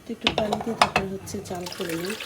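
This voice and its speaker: A young woman with a hoarse voice, chatting casually to viewers as she cooks in her home kitchen. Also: mid-range voice, fairly even intonation, racing. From Bangladesh. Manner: chatty, talks viewers through her cooking. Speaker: home vlogger. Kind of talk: casual cooking vlog chat. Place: home kitchen with open window. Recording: loud kitchen noise. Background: frying and sizzling in the pan.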